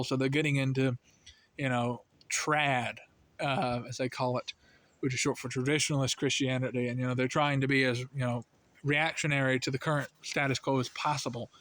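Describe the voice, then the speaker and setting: An American man from the United States, with a medium-pitched and fairly bright voice on a dry recording, offers casual religious commentary. He's earnest and rambling, packing his speech with "you know" and "I mean," and his voice lifts whenever he makes a point.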